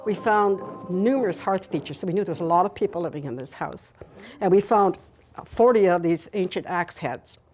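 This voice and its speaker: A woman's voice: lowish voice, normal speed, a little mellow. A woman managing a cultural center, explaining its history with proud emphasis. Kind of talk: guided explanation.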